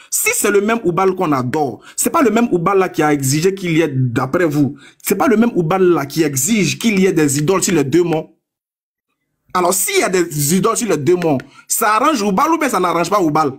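A young man in a combative live-stream debate, taunting his opponents and reading a source text aloud slowly and deliberately. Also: high-pitched, husky. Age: young adult.

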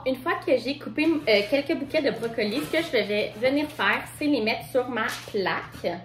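A woman's voice: fairly high pitch, animated, normal speed, reverberant, over music. A young woman with a Quebec French accent, chatting casually to her viewers as she vlogs her day and walks through a simple recipe. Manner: chatty, easygoing, talks straight to viewers. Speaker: vlogger. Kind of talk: casual vlog chat and cooking walkthrough. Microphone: camera on tripod.

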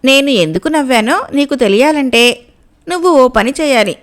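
A woman's voice: high-pitched, animated, moderate pace. A woman reading as a knowing sea maiden. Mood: knowing, scornful. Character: sharp-tongued female sea maiden, young, knowing. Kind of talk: storybook reading.

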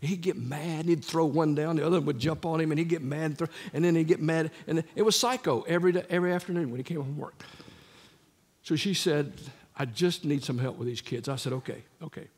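A man's voice: on the high side, a little fast, breathy edge. An older man preaching a sermon, telling stories from his years as a counselor and acting out the voices of the people in them. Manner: animated storyteller acting out quoted voices. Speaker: guest preacher and former counselor. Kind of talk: storytelling sermon. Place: large church sanctuary. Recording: long reverb of a large church hall.

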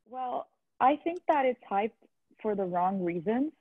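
A woman's voice: a little high, lively intonation, measured pace, no echo. A young woman from Italy, a student, giving outspoken opinions in a casual video call chat over earbuds. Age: young adult. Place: living room with a sofa. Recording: dry, tinny video call audio.

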